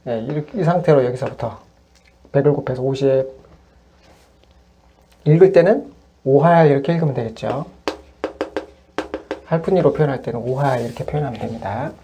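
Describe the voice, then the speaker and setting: A woman's voice: rumbling low, normal speed, long pauses, mellow, slight background noise. A woman math tutor patiently walking through worked exercises step by step. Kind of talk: worked-example lesson.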